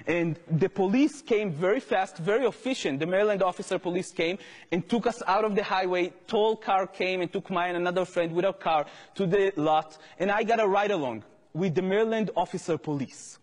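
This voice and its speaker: High-voiced Israeli man lecturing in a hall. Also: fairly quick. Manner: earnest storytelling turning impassioned. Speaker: activist lecturer. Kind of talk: public lecture.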